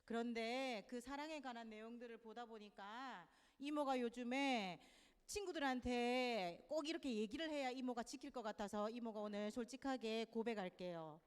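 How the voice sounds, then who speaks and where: A woman from Busan with a Gyeongsang accent, a church teacher talking gently and chattily to children. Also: a little high, normal speed, clean tone, big-room sound. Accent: Busan Gyeongsang Korean. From Busan, South Korea. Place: church hall.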